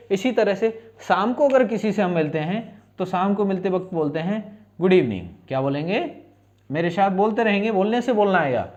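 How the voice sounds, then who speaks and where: A man's voice: sits high, a little mellow, dull audio. A male teacher giving a spoken-English lesson, asking questions and answering them himself in repeat-after-me drills.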